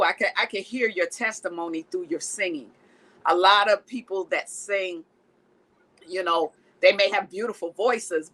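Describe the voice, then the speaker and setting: A woman's voice: on the low side, fairly bright tone, low-quality recording. A woman hosting a faith-based TV talk show, introducing and interviewing a guest with effusive praise.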